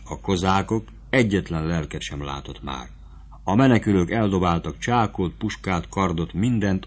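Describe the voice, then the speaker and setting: Deep-voiced male audiobook narrator. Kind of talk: scripted narration.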